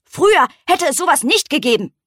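A stern old stag beetle from a storybook, as a woman puts him on, scolding in a raised, pitched-up voice with lively swings in tone. The sound is dry and close, with no room around it. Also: brisk, dry recording. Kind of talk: storybook character voice.

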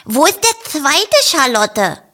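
A woman voicing an excitable male rabbit in a storybook reading, eager and grumbling by turns. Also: sits high, slow pace, voice pushed up, heavily acted.

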